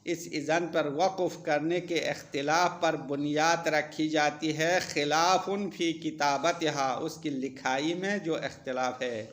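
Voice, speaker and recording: A male teacher with a somewhat high voice lectures a classroom on grammar. He reads a line of Arabic text, then breaks it down, often putting questions to his students. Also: steady tone, hardly any pauses, a bit bright, a little hiss or hum. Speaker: seminary teacher.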